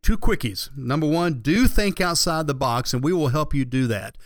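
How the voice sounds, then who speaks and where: A man's voice: on the high side, lively intonation, normal speed, no room sound, clean studio sound. A man hosting a radio show, giving conversational, folksy advice as a financial planner.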